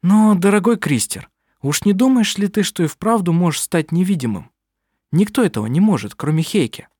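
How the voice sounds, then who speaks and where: A man reading aloud, voicing a proud, sharp-tongued middle-aged witch who is a mother, with dry, cutting remarks. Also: high-pitched, lively intonation, normal speed, slightly rough, no echo, voice pushed up. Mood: wry.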